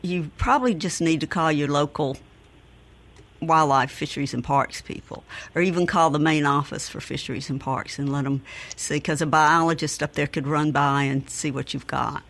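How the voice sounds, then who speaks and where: A woman's voice: deep voice, normal speed, fairly bright tone. A woman giving casual expert advice on a radio phone-in, informal and thinking aloud as she goes. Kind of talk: casual advice on a call-in show.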